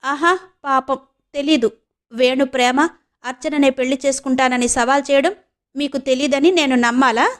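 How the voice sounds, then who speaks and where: Brief: witty young wife in an audio novel, read by a woman, polite with a teasing edge, slightly high. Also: fairly even intonation, normal speed, natural voice. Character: young married woman, sharp-witted and teasing.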